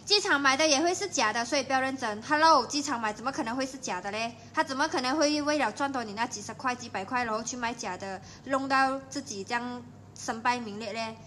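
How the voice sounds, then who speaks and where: Malaysian girl livestreaming from home, high voice, chatty and teasing. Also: fast, bright, forceful tone, slight background noise. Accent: Malaysian Mandarin. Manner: chatty and playful, teasing viewers. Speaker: livestream host. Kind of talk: casual livestream chat.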